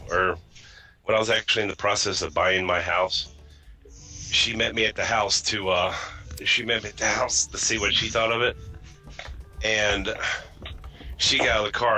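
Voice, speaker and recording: A man's voice: lowish voice, fairly even intonation, moderate pace, long pauses, pushed and bright, soft background music, low-quality recording. A man hosting a casual podcast chat, from the US East Coast, talking bluntly and rambling through stories. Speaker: podcast host.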